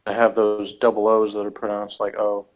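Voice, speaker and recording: Co-hosting a TV episode review, a man reads out notes and adds rambling, skeptical asides in casual chat. His lowish voice is completely flat at a normal speed, and the recording sounds dull and lo-fi.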